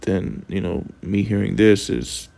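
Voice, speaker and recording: A man's voice: low voice, expressive, unhurried, gravelly, mellow. A man calling customer service as a member, speaking hesitantly but persistently. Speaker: customer on a call. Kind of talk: customer service phone call.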